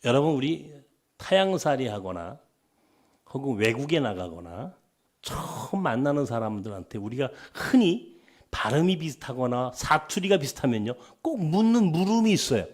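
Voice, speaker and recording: A middle-aged Korean pastor preaches a sermon with a light Chungcheong dialect, telling lively stories, acting out dialogues, and at times dropping to a whisper. His voice is mid-range at a moderate pace.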